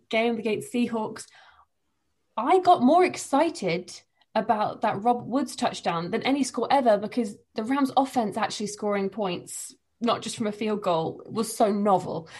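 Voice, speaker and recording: Woman, English accent, sports presenter, casual chat, animated, quick laughs. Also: a little high. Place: living room at home.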